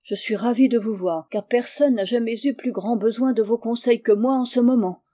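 A woman's voice: fairly high pitch, moderate pace, dark tone, natural voice. A woman voicing a nervous, corpulent older man who speaks in a trembling, agitated way. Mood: anxious.

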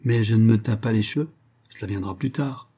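A self-assured woman of forty, calm and teasing, who speaks in measured proverbs, as a male reader gives her voice. The voice sits low and very dark, with a husky edge. Her phrasing stays unhurried and sententious. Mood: calm assurance. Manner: composed, sententious.

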